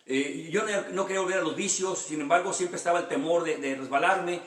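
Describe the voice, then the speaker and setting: A man's voice: on the high side, brisk, a bit bright, reverberant. A man, a pastor giving a sermon with his own testimony, earnest and repeating phrases for emphasis. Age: 50s.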